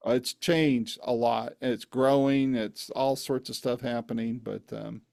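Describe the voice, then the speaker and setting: A man's voice: mid-range voice, steady tone, unhurried, gravelly, a little mellow, no echo, clean studio sound. A man chatting casually as an interviewer, talking in a loose, rambling way.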